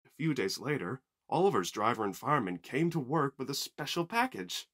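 A man narrating a children's train story in an expressive storybook reading. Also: medium pitch, brisk.

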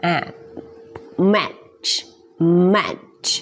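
Slow, drilling woman English teacher. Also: dull audio, a little hiss or hum. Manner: drills English phrases slowly, explains quickly in Thai; frequent polite particles. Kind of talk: live-streamed pronunciation lesson.

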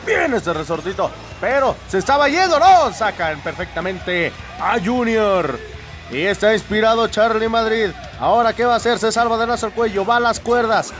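A man with a Mexican accent giving excitable, exclamatory live play-by-play commentary on wrestling. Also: high-pitched, normal speed, soft background music.

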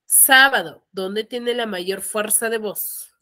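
A woman teacher speaks over a video call in a fairly high voice that swoops up and down with animated intonation. She explains patiently, one point at a time, and keeps asking her class whether they follow. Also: a little slow. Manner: explains step by step with frequent checking questions; asks students to mute their mics. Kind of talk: online class lecture. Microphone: computer microphone on a video call.

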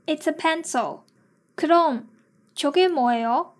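Phrases and translations are read aloud by a high-voiced woman in a lesson-style delivery that is evenly spaced and extremely slow.

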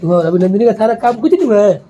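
A man's voice: sits high, very animated, fast talker, warm tone, slight background noise. Chatty man vlogging at home on a phone. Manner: chatty, addresses viewers as friends, coos at a pet. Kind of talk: casual home vlog chat.

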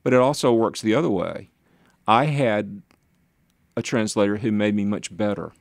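A man's voice: fairly low pitch, normal speed, creaky, no echo, clean studio sound. An older man, a pastor being interviewed, telling stories in a rambling, self-deprecating way with chuckling asides. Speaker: pastor and author, guest. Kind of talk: conversational interview storytelling.

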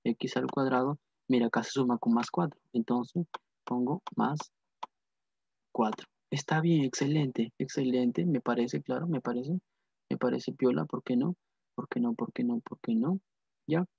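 A man's voice: mid-range voice, measured pace, vocal fry, warm tone, breathy edge, no room sound. A man teaching a math lesson, repeating phrases and asking and answering his own questions. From Peru. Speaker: math tutor. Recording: dull lo-fi dry sound.

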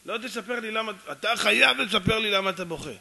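A man's voice: high-pitched, creaky, sharp tone, exaggerated voice. A male preacher playing a pushy stranger in a wheelchair who keeps nagging with questions. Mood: insistent. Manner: insistent, nagging.

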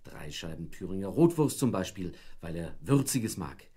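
A man tells a children's story with playful energy. His husky voice rises and falls in wide, animated swings. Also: sits low, moderate pace. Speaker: narrator.

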